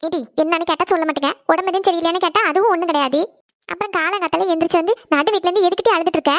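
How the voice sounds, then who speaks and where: A woman's voice: very high voice, no echo, studio quality. Woman doing a fussing cartoon mother. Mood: worried. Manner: scolding, rapid, fussing. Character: scolding worried middle-aged village mother. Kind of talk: cartoon voice acting.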